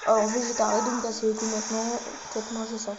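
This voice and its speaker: A woman's voice: a little high, monotone, fast talker, highs cut off. A woman giving casual, chatty commentary on her gameplay, swearing freely and full of fillers. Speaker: gaming youtuber. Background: game music.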